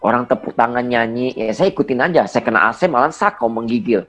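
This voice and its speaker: A man's voice: medium pitch, expressive, quick pace, fairly bright tone, faint music behind. A man around forty, a pastor, giving an earnest personal testimony in conversation, speaking emphatically with a slight stammer. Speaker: pastor, guest.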